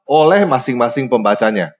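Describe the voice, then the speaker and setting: A man reads a prepared script in a steady, formal tone. The sound is muffled and lo-fi, like audio replayed from a video. His delivery stays level and measured. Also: medium pitch. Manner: even, formal reading. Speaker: narrator of a played video. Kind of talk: scripted narration.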